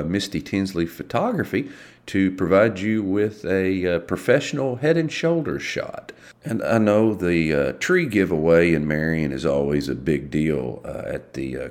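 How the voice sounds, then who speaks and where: Deep gravelly man hosting radio. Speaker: local radio show host. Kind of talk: casual local news and announcements.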